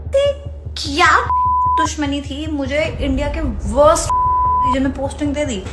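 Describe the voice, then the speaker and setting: A woman's voice: sits high, level tone, moderate pace. A woman teacher from West Bengal complains in an aggrieved tone, switching into English partway. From West Bengal, India. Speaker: schoolteacher. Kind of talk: casual spoken complaint in a video clip. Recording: echoey room with loud music.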